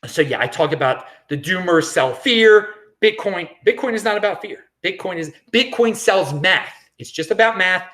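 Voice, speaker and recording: A man hosting his own show, delivering an emphatic solo opinion monologue, repeating phrases for emphasis. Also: high-pitched. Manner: emphatic, repetitive, animated. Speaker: show host.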